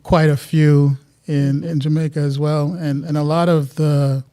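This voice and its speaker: A man's voice: a little high, little pitch movement, unhurried, dark tone, clear, resonant tone. Reflective Guyanese-born man, storytelling. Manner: reflective, storytelling, many restarts. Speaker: guest artist. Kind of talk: casual interview chat.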